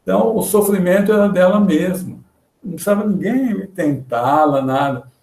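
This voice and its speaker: Brazilian guy giving a religious talk on a video call, kinda high voice, lots of fillers, echoey. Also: a little mellow. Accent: Brazilian Portuguese. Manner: earnest, halting with repeated fillers. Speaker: spiritist lecturer. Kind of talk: religious lecture with read-out passages. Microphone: computer mic in a video call.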